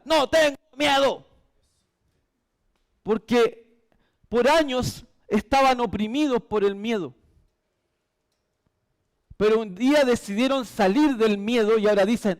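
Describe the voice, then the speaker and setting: Man, preacher, slow deliberate delivery, emphatic, repetitive, in church. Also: sits high, darkish tone. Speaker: pastor. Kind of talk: sermon.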